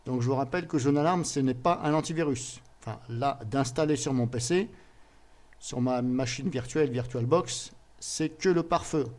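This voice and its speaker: A man narrating a screen-recorded software tutorial in a casual way, thinking aloud with frequent pauses and little filler words. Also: medium pitch. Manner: casual, fills pauses with "voilà" and "hop"; thinks aloud, restarts and hesitates.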